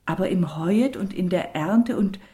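A woman's voice: lowish voice, expressive, measured pace, dark tone. A woman reading an audiobook and voicing a curious, earnest young girl asking questions. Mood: earnest questioning. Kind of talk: audiobook character voice.

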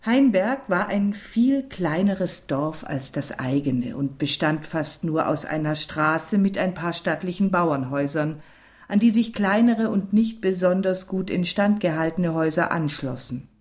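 A woman reading a novel aloud as a calm, even audiobook narrator. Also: lowish voice, unhurried. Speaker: audiobook reader. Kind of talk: scripted narration.

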